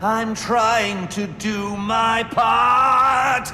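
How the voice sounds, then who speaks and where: An actor playing a manic, theatrical, mocking clown villain in a video game, with a cackling, gleeful delivery. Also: male voice, extremely high pitch, little pitch movement, extremely slow, sharp tone, full character voice. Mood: mournful, mocking croon. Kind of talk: video game villain acting, partly crooned song. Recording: echoey hall reverb, music behind.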